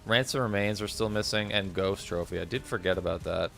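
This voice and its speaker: A man's voice: fairly low pitch, brisk, vocal fry, fairly bright tone, a little hiss or hum. A man with a cold and a congested voice, chatting casually with viewers as he streams a game. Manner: chatty, rambling, greets chat by name. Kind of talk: casual live-stream chat.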